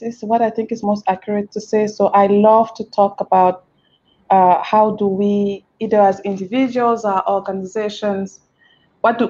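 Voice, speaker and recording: A woman from Cameroon talks through a headset on a video call, her audio dull and slightly muffled. She is an interview guest who speaks in a warm, animated way, stopping and restarting her sentences and filling pauses with "um" and "uh.". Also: mid-range voice. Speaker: interview guest, feminist strategist. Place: indoor room with a plain wall.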